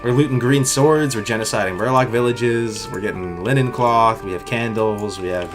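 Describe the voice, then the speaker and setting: Frat bro dude streaming a game, hype slangy talk, lowish voice, music blasting behind him. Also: male voice, normal speed. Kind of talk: livestream gameplay commentary. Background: loud music.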